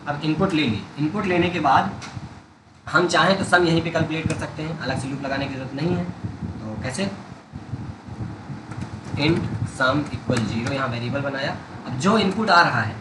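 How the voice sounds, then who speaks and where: A man's voice: fairly high pitch, normal speed, pauses often, roomy sound, noisy background. A man teaching programming step by step, checking that his students follow along. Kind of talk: coding tutorial.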